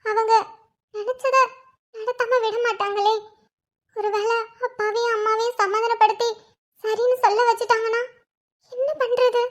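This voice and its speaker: A woman's voice: very high-pitched, level tone, moderate pace, pauses often. A woman voicing a worried young college girl in a cartoon, thinking aloud in an anxious inner monologue. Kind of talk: cartoon voice acting.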